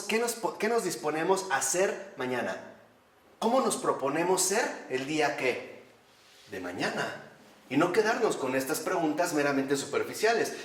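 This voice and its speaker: A man giving a spiritual lecture to a class, animated, asking rhetorical questions and answering them himself. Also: on the high side. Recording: roomy echo from a distant mic.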